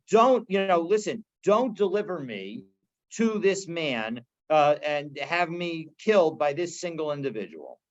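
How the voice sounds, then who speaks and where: A man teaching a daily Talmud class, reading Aramaic phrases and translating them in a casual, halting way. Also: fairly high pitch, lo-fi sound.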